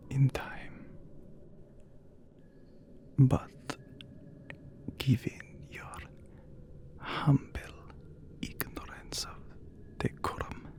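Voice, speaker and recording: A man voicing a haughty, courtly, immortal vampire count in a breathy, whispered ASMR roleplay, with formal, archaic phrasing. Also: medium pitch.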